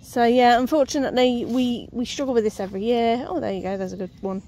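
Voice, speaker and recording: A woman with a fairly high, warm voice talks fast and steadily as she gives a casual, self-mocking walk-through of her allotment garden. She's chatty and laughs easily, speaking off-screen while filming on a handheld phone outdoors. The rough recording picks up slight background noise and faint outdoor ambience.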